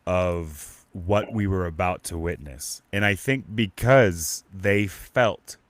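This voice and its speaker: A man with a very low voice chats casually as a podcast host. He rambles, doubles back and restarts his sentences. The sound is dry and close, with no room around it. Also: slow pace, dry recording. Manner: rambling, stop-start, many restarts and fillers. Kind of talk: casual live-stream chat.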